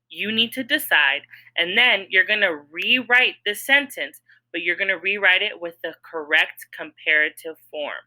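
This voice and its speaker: A woman's voice: lowish voice, pushed and bright, poor audio. A woman teacher explaining a grammar lesson patiently, step by step, asking her students questions as she goes. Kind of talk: recorded classroom lesson.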